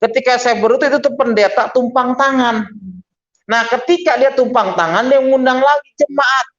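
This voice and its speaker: Man telling a lively testimony. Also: very high-pitched, normal speed. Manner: animated storyteller acting out dialogue. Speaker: pastor. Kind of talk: testimony sermon. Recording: dull lo-fi recording.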